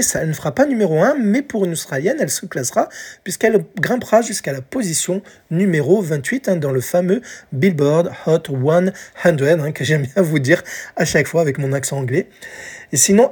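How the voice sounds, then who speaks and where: A man's voice: high voice, animated, a little fast, darkish tone, slightly rough. A man from France in his forties hosting a casual solo podcast, chatting to listeners with many fillers and restarts. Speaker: podcast host. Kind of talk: casual solo podcast about an old pop song.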